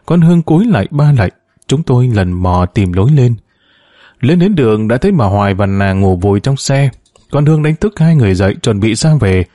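Expressive male storyteller. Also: medium pitch, brisk, dry recording, clean studio sound. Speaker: narrator. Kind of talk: storytelling narration.

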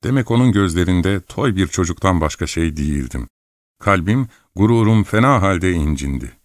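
Man, from Turkey, audiobook narrator, calm, wistful, deep voice, dry sound. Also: normal speed, no room sound.

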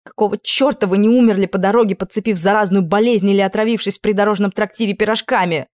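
A woman's voice: mid-range voice, animated, measured pace, no room sound. Hot-tempered young princess, woman reader, raised tearful voice, dry close sound. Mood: furious, sobbing. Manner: shouting through tears.

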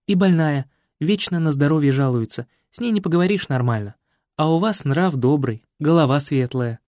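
A man's voice: on the high side, normal speed, darkish tone, dry recording, pitched above the performer's own voice, natural voice. An eager, chatty young village woman, as a male audiobook reader puts her on, lifting his voice well above his own. She talks earnestly and a little pleadingly, recorded close and dry. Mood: coaxing. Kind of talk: audiobook character voice.

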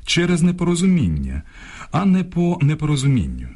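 A man presenting a language program on radio, reading a script in a measured, instructive way, contrasting correct and incorrect phrases. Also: fairly high pitch, wildly swooping pitch, a little mellow. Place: radio studio.

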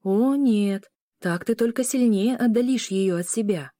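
A woman voicing a gentle, peacemaking she-wolf sister in an audiobook, soft and soothing. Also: medium pitch, measured pace, dry recording, studio quality, voice pushed up, natural voice.

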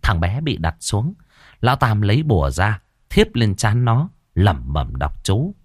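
A man telling a comic folk ghost story in a lively, colloquial way. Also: on the low side, measured pace, breathy edge, dry recording, studio quality.

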